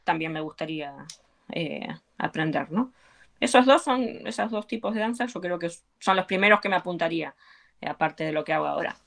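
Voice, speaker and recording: This belly dance teacher from Argentina has a fairly low, expressive, creaky voice with a fairly bright tone, and she speaks briskly. In a conversational interview with an Argentine Spanish accent, she comes across as earnest and encouraging, with lots of fillers.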